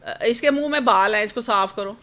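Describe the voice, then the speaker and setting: A middle-aged woman vlogger chatting casually in a rambling, homely way, with frequent pauses and fillers. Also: mid-range voice, sharp tone. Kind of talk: casual chat.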